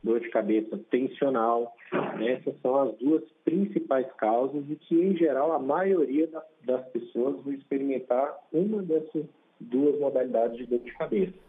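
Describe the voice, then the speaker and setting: Doctor on tinny speakerphone. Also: male voice, mid-range voice, normal speed. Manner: tags sentences with frequent "né?". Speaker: doctor being interviewed. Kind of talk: explanatory phone interview. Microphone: phone on speakerphone.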